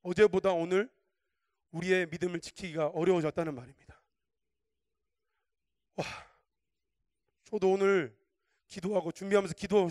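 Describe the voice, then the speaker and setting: A male guest preacher with a strikingly high voice delivers a sermon in a chatty, colloquial way, full of rhetorical questions. He drops to hushed asides and then rises to fervent shouts. The sound is close and dry, with no room echo. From Korea.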